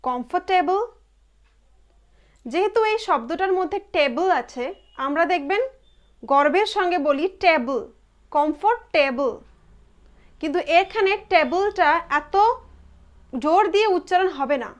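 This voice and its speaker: A woman teaching English pronunciation, repeating each word slowly and with emphasis. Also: extremely high pitch, animated. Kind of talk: slow pronunciation lesson.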